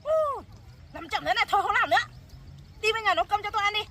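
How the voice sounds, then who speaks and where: A young woman plays a cruel young daughter-in-law with a very high, rapid-fire voice, snapping harsh commands without pause. She is recorded outdoors in a rural field, with clear country noise around her. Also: lively intonation. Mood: bossy. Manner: harsh, scolding, impatient commands.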